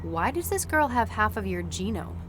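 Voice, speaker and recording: A woman's voice: mid-range voice, big pitch swings, moderate pace, noisy background, lightly acted. A woman playing a commanding, no-nonsense police agent in a sci-fi video game, speaking in a terse, authoritative way. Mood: questioning, suspicious.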